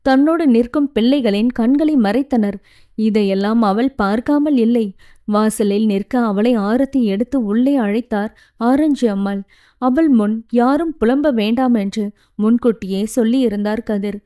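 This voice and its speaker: A woman narrating a novel for an audiobook in a calm, steady reading voice. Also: fairly high pitch, unhurried.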